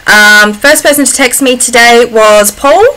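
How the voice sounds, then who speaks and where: A woman's voice: on the high side, unhurried, sharp tone, smooth, low-quality recording. An Australian woman chatting casually as she answers personal questions in a vlog, often breaking off and restarting in a giggly, informal way. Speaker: vlogger.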